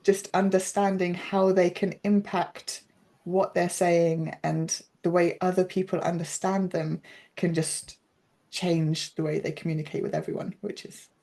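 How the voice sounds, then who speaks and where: A woman's voice: fairly low pitch, level tone, measured pace, vocal fry, warm tone. A woman, a guest in a casual interview, explaining her teaching at length in a thoughtful way. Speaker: interview guest, pronunciation coach.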